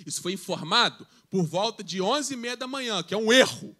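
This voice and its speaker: Bright, high-voiced pastor preaching. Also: male voice, animated, fairly quick. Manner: conversational preaching with jokes and asides, reads scripture aloud. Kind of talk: sermon to a youth service. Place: church service.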